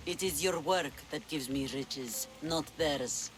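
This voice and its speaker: A deep, slow female voice brings a cunning, domineering pirate queen of mature years, fond of treasure, to life in a video game cutscene. The performance is languid and theatrical, both teasing and commanding, though the recording is rough.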